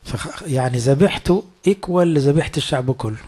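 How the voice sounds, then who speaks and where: Husky-voiced Egyptian preacher man. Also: on the high side, expressive, quick pace, dark tone. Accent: Egyptian Arabic. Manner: conversational, asks the listeners rhetorical questions. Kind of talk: sermon.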